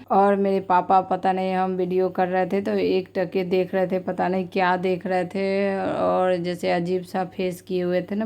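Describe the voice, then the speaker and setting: A woman in her thirties with a lowish, mellow, clean voice talks through a casual vlog. Her narration is heartfelt and chatty, with lots of repetition.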